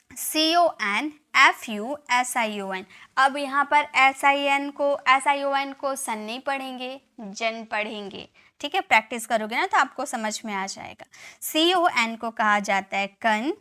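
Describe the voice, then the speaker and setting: Bright, high-pitched woman teaching. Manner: spells words letter by letter and repeats them, with frequent check-ins; addresses viewers directly. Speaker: English teacher. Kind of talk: classroom-style spelling lesson.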